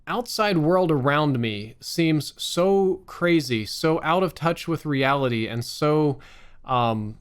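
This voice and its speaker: A man's voice: medium pitch, clean tone. An American man giving a candid, exasperated rant to his viewers, swearing freely and stressing words by drawing them out. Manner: profane, exasperated. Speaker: online streamer.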